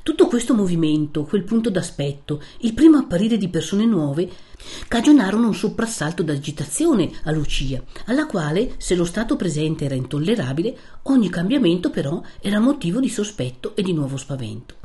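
A woman narrating a literary audiobook in a measured, expressive way. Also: fairly low pitch.

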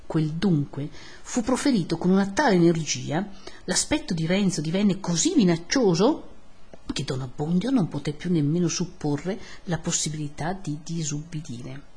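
A woman narrating a classic novel in a measured, expressive audiobook reading. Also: low-pitched, breathy edge.

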